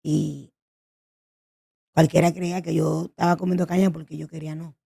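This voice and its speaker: A woman tells her personal testimony in an earnest, pleading way. Her voice has a gravelly fry. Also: sits low, little pitch movement, moderate pace, dark tone. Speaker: guest sharing a testimony.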